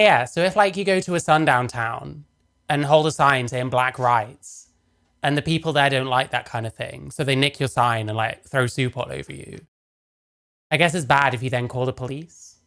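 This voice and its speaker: A male streamer with a mid-range, fairly bright voice reacts to a video live. His commentary is loose and rambling, laced with sarcasm and curse words.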